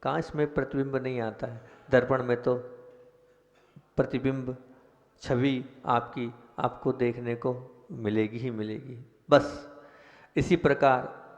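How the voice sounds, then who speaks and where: Male monk preacher, unhurried sermon delivery, questions to the audience, long hall echo. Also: mid-range voice, fairly even intonation, highs cut off. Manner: slow, deliberate, asks the audience rhetorical questions.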